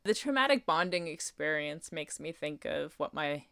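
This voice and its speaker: Woman, young adult, podcast co-host, casual recap, smooth clear voice, animated. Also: sits low, moderate pace, dry recording, clean studio sound. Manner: animated, shouts quoted lines, self-deprecating jokes.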